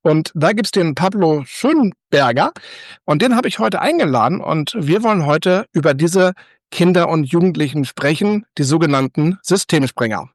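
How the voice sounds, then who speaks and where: A man hosting a podcast, with an upbeat, lively presenting manner. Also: fairly high pitch, normal speed, dry recording, studio quality. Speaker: podcast host.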